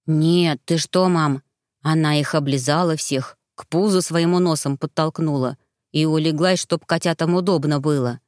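A woman voicing a sick, earnest young boy who sounds hoarse and talks slowly in a storybook reading. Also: low voice, darkish tone, dry recording, clean studio sound, close to an everyday voice. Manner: slow, reluctant, earnest.

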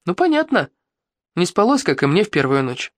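A man narrating an audiobook in the first person, with lively, expressive storytelling. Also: sits high, moderate pace, no echo.

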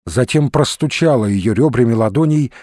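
Man, audiobook narration, measured storytelling, dry studio sound. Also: medium pitch, expressive, mellow, dry recording. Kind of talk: scripted narration.

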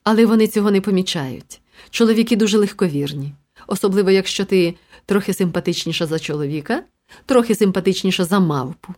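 Woman reading a novel out loud, dry ironic tone, ordinary mid pitch. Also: quick pace. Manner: wry, ironic storytelling. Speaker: audiobook narrator. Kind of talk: first-person audiobook narration.

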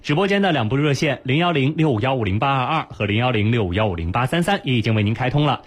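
A man hosts a radio health show from the studio, talking fast with a lively, swooping pitch. His voice carries a slight huskiness. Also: slightly rough. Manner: fast, lively announcer delivery. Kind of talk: radio call-in show hosting. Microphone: studio microphone.

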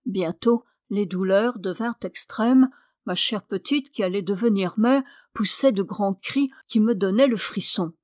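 A woman narrating a novel in a measured, expressive audiobook reading. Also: mid-range voice, no room sound, studio quality. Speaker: audiobook reader.

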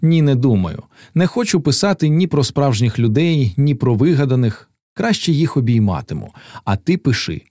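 A man reading a gentle, thoughtful young woman's lines in an audiobook, lifting his voice slightly. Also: medium pitch, big pitch swings, moderate pace, dry recording, clean studio sound, pitched above the performer's own voice.

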